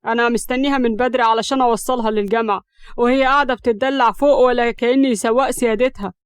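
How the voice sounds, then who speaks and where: Woman playing a hot-tempered young Egyptian man, sarcastic and shouting, quick and dry storybook reading. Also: a little high, fairly even intonation, clear, resonant tone, no echo, close to an everyday voice. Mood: angry. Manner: sharp, sarcastic, shouting in anger.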